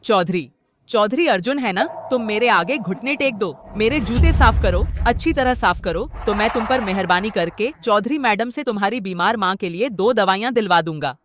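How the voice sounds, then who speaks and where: An actor playing a leering, gloating rich villain who mocks and taunts, in dubbed drama acting. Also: male voice, high-pitched, lively intonation, moderate pace, a bit bright, slight background noise. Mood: taunting. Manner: cackling, mocking, taunting. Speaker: lecherous rich suitor.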